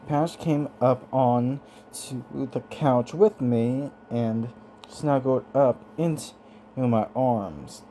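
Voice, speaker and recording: A man narrating a first-person story as an amateur audiobook reader, in a plain, unhurried way. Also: mid-range voice, dark tone, a little hiss or hum, poor audio.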